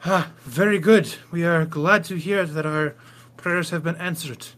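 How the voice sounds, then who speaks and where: Man voicing a formal village elder, courteous, deferential, bright. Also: fairly high pitch, a little slow. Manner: formal, courteous, slightly nervous.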